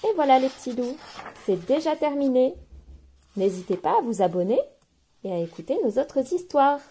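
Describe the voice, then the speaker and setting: A woman reading a children's storybook aloud in a soft, expressive bedtime manner. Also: sits high, normal speed, husky.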